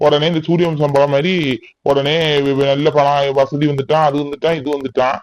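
A man's voice: on the high side, little pitch movement, a little fast, a little mellow, dry recording, natural voice, low-quality recording. A man voicing a sarcastic, dismissive older brother in a cartoon, with a dry close sound. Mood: mocking. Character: stern older brother, mocking.

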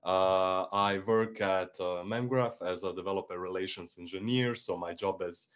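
A young developer relations engineer with a Croatian accent explains technical topics on a video call, using lots of "uh" fillers. His low voice holds a steady tone at a moderate pace, captured through a headset as dull, lo-fi call audio.

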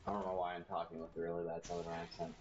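Deep-voiced man streaming a game. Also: monotone, racing. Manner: rambling, joking. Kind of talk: casual gaming chat. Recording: muffled stream mic with noise.

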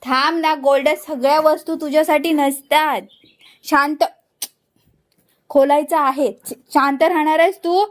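A woman's voice: high voice, steady tone, measured pace. A woman hosting a pet channel, talking to her dog and cat in a coaxing, scolding pet-talk voice. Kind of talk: talking to her pets on camera.

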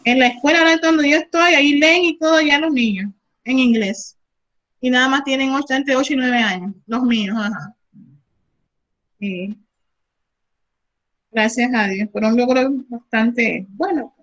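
High, bright-voiced encouraging woman teacher. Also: a little slow, pauses often, muffled recording. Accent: Panamanian Spanish. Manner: encouraging, praising, mixes Spanish and English. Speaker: English teacher. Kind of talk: online class, coaching students.

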